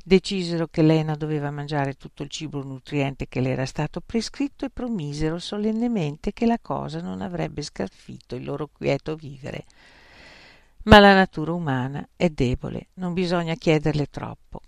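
An audiobook narrator reading a story in a measured storytelling manner. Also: mid-range voice, vocal fry, dry recording, studio quality. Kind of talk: scripted narration.

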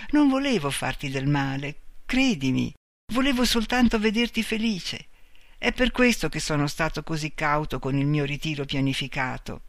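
A man voicing a soft-spoken robot lover. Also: on the high side, dry recording, studio quality. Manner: calm, tender, pleading. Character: gentle male robot double, soft-spoken and loving.

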